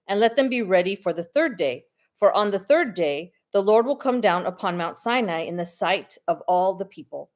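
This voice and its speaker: A woman reading the Bible aloud at a steady, careful pace, with small stumbles now and then. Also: medium pitch. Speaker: scripture reader.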